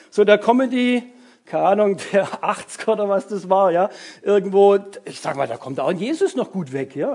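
A man's voice: high-pitched, slightly rough. A man giving a casual sermon to young people as their youth leader, chatty and full of fillers and tag words.

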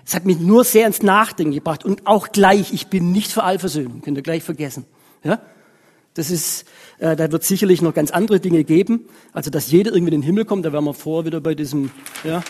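A woman preaches in a husky, slightly breathy voice at an ordinary pitch. She talks conversationally, often tossing questions back at her listeners. Her voice carries a long hall reverb. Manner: conversational, frequent tag questions. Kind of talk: sermon.

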